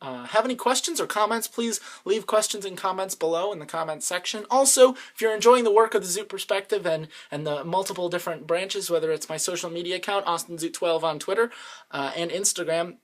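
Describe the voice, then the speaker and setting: A man's voice: high voice, brisk. A young man leading an online congregation, giving an earnest, conversational Torah commentary and often thinking aloud with restarts. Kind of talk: casual Torah commentary talk.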